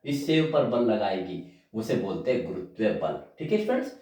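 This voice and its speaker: A man teaching physics in a lively classroom lecture. His pitch rises and falls widely as he keeps calling out to his students and repeats terms while writing them up. The voice sits far from the mic in a room with a heavy echo. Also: normal speed.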